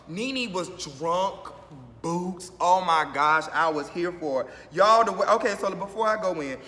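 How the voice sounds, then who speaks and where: A man giving a sassy, animated recap of a reality show, talking straight to his viewers. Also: sits high, in a large hall. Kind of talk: casual recap monologue.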